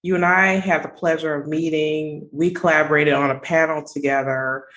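A woman's voice: low voice, fairly even intonation, normal speed, a bit bright. A woman hosting a privacy podcast, introducing her guest in an upbeat way with frequent fillers. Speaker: podcast host.

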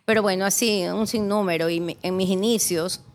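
A woman's voice: medium pitch, steady tone, a little fast, a little hiss or hum. A middle-aged woman who founded a spa, casually recalling her early years and thanking her clients. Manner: warm reminiscing, grateful.

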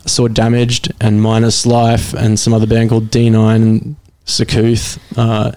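Flat-voiced Australian man in his thirties. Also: fairly low pitch, a little slow. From Brisbane, Australia. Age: 30s. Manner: relaxed storytelling with swearing and fillers. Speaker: musician guest. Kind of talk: casual podcast chat.

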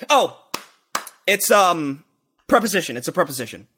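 A young man in loose, rambling podcast chat with a high voice that swings up and down a lot. His tone is bright and forceful. He swears freely and bursts into shouted quotes. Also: animated, normal speed. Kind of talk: casual chat.

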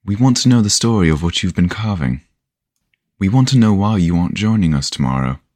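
An eager, impatient young man who chirps his questions, as a man lifts his deep voice up to play him. The voice sits close and dry. He pushes forward, wanting answers. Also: very animated, quick pace, slightly rough, no room sound, exaggerated voice.

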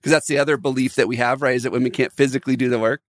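An energetic man hosts a conversational interview, speaking like a business coach who slips easily into stories and laughter. His voice sits at an ordinary middle pitch. The recording is dry, with no room echo. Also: rapid-fire. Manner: animated, laughing storyteller.

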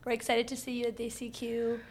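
Enthusiastic higher-voiced woman co-host. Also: completely flat delivery, fairly quick, darkish tone, a little hiss or hum. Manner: encouraging, enthusiastic. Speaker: podcast co-host. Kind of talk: casual podcast interview.

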